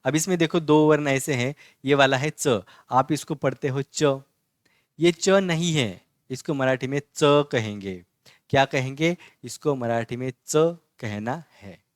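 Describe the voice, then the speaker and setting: Recorded with studio quality and no room sound, this mid-range male voice belongs to a man giving an online Marathi lesson about letters on a board. He spells each letter out slowly and clearly, patiently repeating "है ना?" ("isn't it?") and then answering himself.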